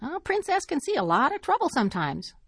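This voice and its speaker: A woman's voice: sits high, very animated, brisk, fairly bright tone, dry recording, pitched above the performer's own voice, exaggerated voice. A woman reading aloud and voicing a prim, gossipy older spinster with genteel, tartly dry manners.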